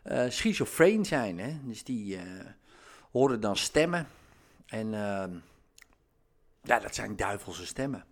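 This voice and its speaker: A man talking casually in a monologue, animated, with many fillers and sudden rises in pitch when excited. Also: slow, long pauses.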